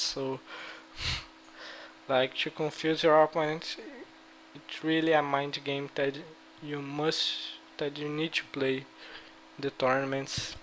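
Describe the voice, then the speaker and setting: A Brazilian gaming video creator, a native Portuguese speaker with a Brazilian accent, casually shares card game strategy in loose, rambling speech packed with fillers. His mid-range voice is a bit bright, and the rough recording has slight background noise.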